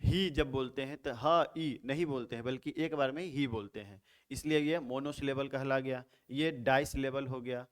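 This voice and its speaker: A man teaching English grammar in a Hindi lecture, asking rhetorical questions and answering them himself, repeating key terms slowly. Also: mid-range voice, clear, resonant tone.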